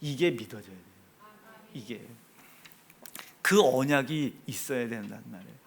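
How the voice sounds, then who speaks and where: A man with a Chungcheong Korean accent preaching a sermon in a church, swinging from hushed asides to loud, emphatic exhortation. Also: medium pitch, normal speed, vocal fry, husky. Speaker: pastor. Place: church sanctuary.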